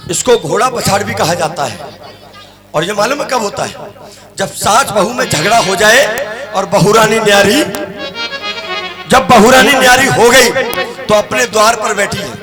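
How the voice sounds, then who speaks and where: A man compering a village devotional night vigil on a handheld stage mic, telling comic stories and playfully rousing the crowd to clap and chant between hymns. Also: high-pitched. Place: outdoor village religious gathering stage. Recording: loud live band music behind.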